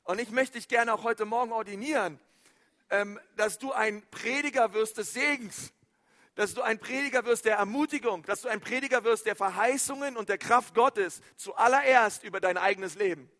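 A man preaching a sermon as pastor, fervent, with repeated phrases, swinging from loud to hushed. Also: sits high, normal speed.

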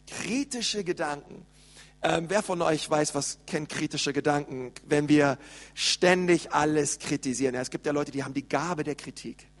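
Preacher with a high voice in a reverberant hall. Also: male voice, a little slow. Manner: lively preaching, addresses the congregation directly. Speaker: pastor. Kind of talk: sermon.

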